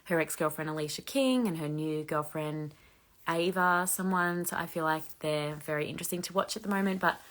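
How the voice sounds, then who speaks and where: A woman in her thirties with a low voice, hosting a casual live chat and reading out viewer questions. She rambles in a friendly way, filling her sentences with "like", and now and then lets out a small laugh. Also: a little fast, fairly bright tone. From Australia. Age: 30s. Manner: chatty, frequent "like" fillers, laughs lightly. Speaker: host answering viewer questions.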